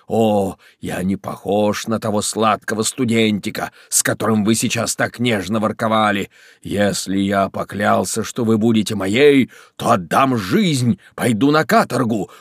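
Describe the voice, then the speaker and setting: A man voicing an obsessive, passionate man who speaks slowly and menacingly in an audiobook. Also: husky, dry recording, clean studio sound. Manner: low, slow, menacing, then pleading.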